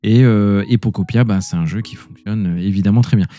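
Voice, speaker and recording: A man hosting a podcast in casual chat, choosing his words in hesitant, measured phrases. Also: lowish voice, warm tone, faint music behind. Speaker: podcast host. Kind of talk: casual game review and chat.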